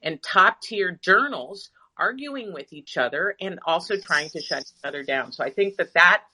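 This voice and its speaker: A woman physician giving measured, thoughtful answers in a live audio discussion. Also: on the low side, expressive, sharp tone, slightly rough.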